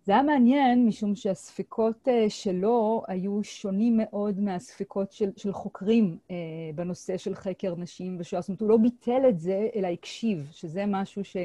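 A woman's voice: medium pitch, hardly any pauses, dark tone, no room sound. A middle-aged woman historian giving an academic lecture at an online seminar, speaking hesitantly with many filler sounds and restarts. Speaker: Holocaust historian presenting her research. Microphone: computer mic on a video call.

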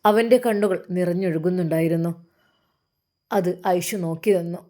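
A woman's voice: lowish voice, moderate pace, warm tone. Earnest woman telling a family story. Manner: earnest storytelling with religious greetings. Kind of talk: narrated religious family story.

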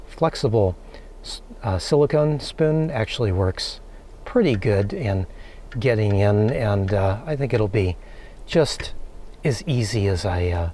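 A man in his forties calmly talking through a recipe while cooking in a small camper van kitchen, with many relaxed "uh"s. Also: fairly low pitch, slight background noise. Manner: calm, unhurried, many filler "uh"s. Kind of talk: casual cooking demonstration.

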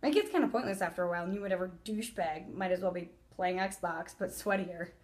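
Woman acting a defensive, wistful young woman, halting and emotional. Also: fairly low pitch, close to an everyday voice. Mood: defensive, exasperated. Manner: halting, emotional, swinging between loud insistence and hushed wistfulness. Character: defensive young woman wistfully recalling a lost love affair. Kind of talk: theatrical dramatic monologue. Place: indoor room, plain wall.

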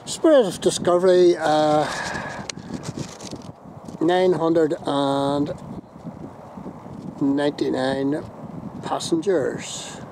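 Filming on a handheld phone from a windy hilltop viewpoint, a middle-aged Northern Irish vlogger speaks extremely slowly with long pauses, in a steady, high-leaning voice. He rambles casually as he walks, using fillers and correcting himself, while wind noise hits the phone mic.

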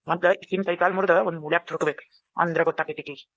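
A woman's voice: fairly low pitch, steady tone, racing, fairly bright tone, no echo. A woman voicing a grumpy, bossy middle-aged village husband in a cartoon, with a North Karnataka Kannada accent. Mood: muttering angrily. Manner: bossy, threatening. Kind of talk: cartoon voice acting. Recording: dull lo-fi recording.

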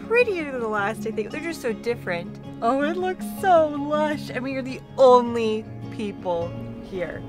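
A woman's voice: on the high side, big pitch swings, measured pace, few pauses, music in the background, rough recording. A woman in her thirties hosting a casual travel vlog, talking enthusiastically outdoors by a river hot spring. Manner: enthusiastic, gushing. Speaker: vlog host.

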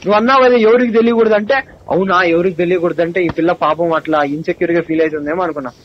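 A young man in a heated phone argument, angry and accusing, with an abusive, rapid-fire way of talking. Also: sits high, steady tone. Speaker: college student on a phone call. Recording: phone call recording, dull with faint hiss.

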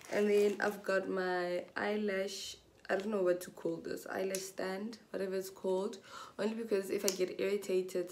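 Talking to camera at a medium pitch, a young woman from South Africa walks through the contents of her bag in a small room. Her vlog chat is relaxed, slow and talkative, sprinkled with Setswana, and a slight hiss or hum runs underneath.

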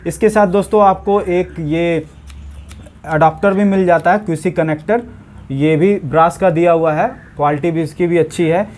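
Out in a yard washing a car, a young man gives a casual demo and review of a pressure washer gun, talking to viewers as if they were friends. His voice is fairly high with a darkish tone, he speaks at a normal speed, and the camera sits a few steps off.

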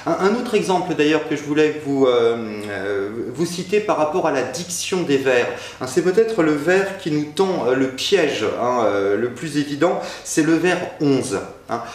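Male teacher with a slightly high voice in an echoey room. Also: animated, normal speed, hardly any pauses. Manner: frequent "hein" and "euh" fillers; explanatory, didactic. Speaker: literature teacher. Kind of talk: recorded lecture.

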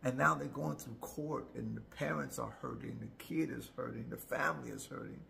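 A man in his sixties speaking as a chaplain in a personal, reflective devotional talk, halting and heartfelt, with repeated words and long pauses. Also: medium pitch, creaky, pushed and bright. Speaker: chaplain, host. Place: indoor room, home studio.

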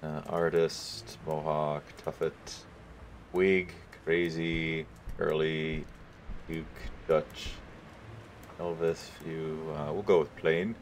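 A man's voice: very deep voice, flat delivery, slow pace, a little hiss or hum. A man casually commenting on his gameplay, thinking aloud as he picks options and chuckling now and then. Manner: thinking aloud, musing over choices with chuckles. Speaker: gaming video host.

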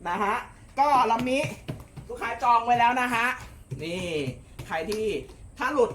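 A man showing jet skis for sale in a chatty, polite way, often pausing with fillers and correcting himself. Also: extremely high pitch, fairly bright tone, a little hiss or hum. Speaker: jet ski shop salesman. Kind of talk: casual sales walkthrough.

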